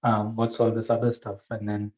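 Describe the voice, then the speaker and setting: On an online video call with slightly dull audio, a man tells colleagues a casual anecdote during a meeting, phrasing things piecemeal and a bit hesitantly. His voice is lowish, darkish and monotone, at normal speed.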